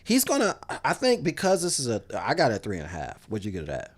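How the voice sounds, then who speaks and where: An animated man co-hosting a casual sports betting chat, his voice at a middle pitch that rises and falls a lot. He often stops and restarts mid-sentence and fills gaps with "um" and "you know". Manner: animated, halting, many restarts and fillers. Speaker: podcast co-host.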